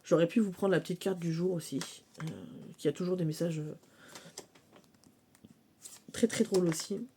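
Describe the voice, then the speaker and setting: A woman chatting casually about her oracle cards, full of fillers and quick to laugh. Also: fairly low pitch, mellow, slight background noise. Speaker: cartomancy vlogger. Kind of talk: casual show-and-tell of oracle decks.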